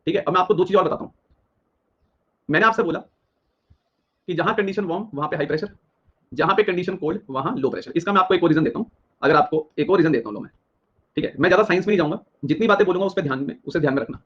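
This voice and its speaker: Young guy teaching geography live, talks super fast, slightly high voice, repeats answers over and over, kinda dull lo-fi audio. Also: slightly rough. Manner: drills questions, repeats answers rapidly, addresses students directly. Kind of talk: live online exam-prep geography lecture.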